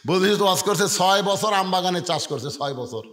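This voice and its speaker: A man from Bangladesh, preaching a sermon full of folksy stories and prodding the crowd for answers, at times bursting into shouts. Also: sits high, expressive, brisk, echoey room. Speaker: Islamic preacher. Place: open-air religious gathering.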